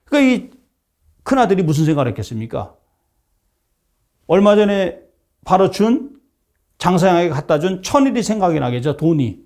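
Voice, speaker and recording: Middle-aged male professor, higher voice, lecture storytelling that voices each character. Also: very animated, moderate pace, pauses often, darkish tone. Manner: acts out dialogue of historical characters while retelling a story.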